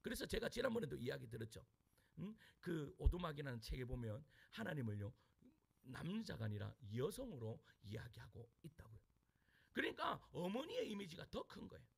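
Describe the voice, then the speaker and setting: A male pastor preaching a sermon, asking his congregation questions and answering them himself, dropping to hushed asides and rising to shouted lines. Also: a little high, sing-song, fairly quick, gravelly, husky.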